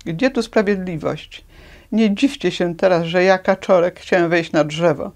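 A woman's voice: fairly low pitch, measured pace, a little mellow. A woman voicing a frightened, boastful little male duckling in a storybook reading. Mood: indignant. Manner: complaining, indignant, mocking.

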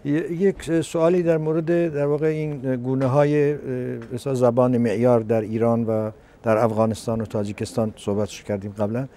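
A man's voice: mid-range voice, flat delivery, hardly any pauses, mellow. A man hosting an interview, asking questions in a hesitant way with fillers. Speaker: interviewer, program host.

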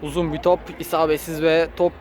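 A male football commentator with a fairly high voice calls a match live at a brisk clip, naming players and moves in short, clipped bursts. He raises his voice excitedly whenever shots and goals come, with faint outdoor noise in the background.

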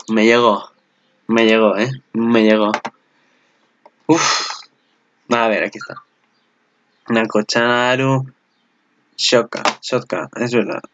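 A man giving casual commentary on an anime preview. He gets excited, laughs often and swears freely. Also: lowish voice, highs cut off. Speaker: anime channel host.

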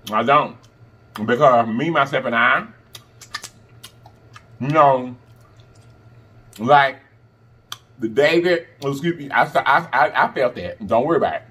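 Seated at a table of food before a green backdrop indoors, a mukbang host chats casually while eating crunchy fried chicken, pausing and giving mm-hums between bites. His husky, medium-pitched voice is pushed and bright, and he's sassy and emphatic, repeating phrases for emphasis.

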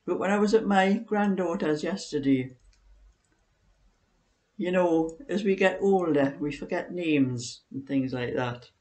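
A woman's voice: fairly low pitch, measured pace, darkish tone. A woman, chatting casually in a rambling, anecdotal way in her living room. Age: 60s. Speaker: knitting vlogger. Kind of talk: casual chat. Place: living room, seated on a sofa indoors.

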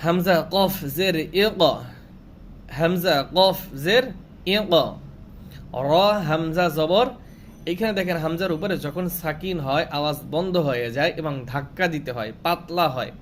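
Male Quran reading teacher, Bangladeshi Bengali accent, drawn-out syllable drills, repeats each reading, faint background noise. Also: on the high side. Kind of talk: slow spelling-out recitation lesson.

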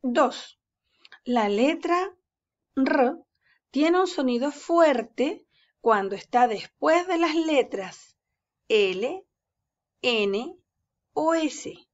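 Woman teacher for a children's reading lesson, very slow and patient, slightly high voice, dull lo-fi sound. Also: animated. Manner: slow, patient, drawing words out syllable by syllable. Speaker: first-grade teacher.

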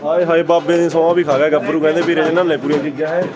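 A man's voice: on the high side, little pitch movement, rapid-fire, lo-fi sound. A young man with a Punjabi accent giving casual vlog commentary in hearty, teasing banter, often echoing what others say. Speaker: vlogger filming the groom's friends. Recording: chatter of a crowd behind. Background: group of men chattering.

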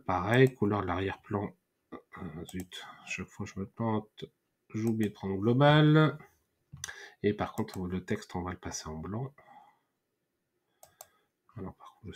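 A tutorial host, a man with a lowish, darkish voice and a breathy edge, thinks aloud through a screen-recorded tutorial full of fillers and restarts. Mouse clicks and typing can be heard in the background.

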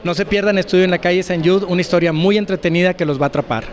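A man's voice: high voice, rapid-fire. A man in his thirties from Mexico, an actor and co-producer, speaking thoughtfully with frequent fillers into a handheld reporter mic at a press event. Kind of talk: press interview. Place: event press wall, indoors.

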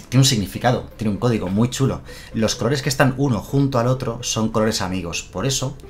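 A man's voice: fairly low pitch, darkish tone. Chatty Spanish-male streamer. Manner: chatty, explains and answers viewers' comments. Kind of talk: casual live-stream chat.

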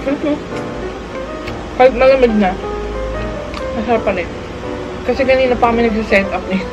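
A woman's voice: a little high, a little fast, lo-fi sound, music in the background. A young woman, a vlogger, chatting casually while chewing with her mouth full. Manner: relaxed, chatty, talks while eating. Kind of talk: casual mukbang chat.

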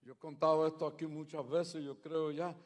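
A man preaching a sermon with stories, switching between loud declarations and quiet, conversational telling. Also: on the high side, little pitch movement, moderate pace, in a large hall. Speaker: pastor. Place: large church hall.

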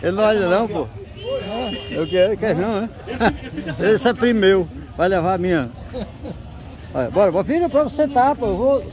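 Walking through an outdoor market and town streets, a man from inland Pernambuco vlogs on a handheld phone held behind the camera, his Northeastern Brazilian accent loaded with slangy exclamations and playful teasing. He speaks high, expressively, a little fast, pausing often. The recording is noisy, with market crowds and passing vehicles.

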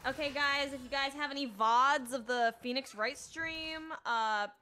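A young woman chatting casually with friends during a game stream, with a squeaky voice and frequent laughter. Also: a little slow, bright, forceful tone. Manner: high, squeaky-toned, laughs often. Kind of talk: casual chat while gaming.

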